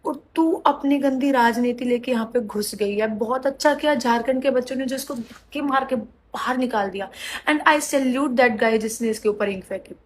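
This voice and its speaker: A woman's voice: fairly high pitch, normal speed, a little hiss or hum. A woman commentator delivering a mocking political roast in a scornful, sarcastic way.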